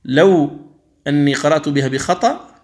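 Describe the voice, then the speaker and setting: A man teaching Quran recitation. He explains each rule slowly and carefully, then stretches the examples out into chanted recitation, and sometimes contrasts a wrong reading with the right one. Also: a little high, darkish tone.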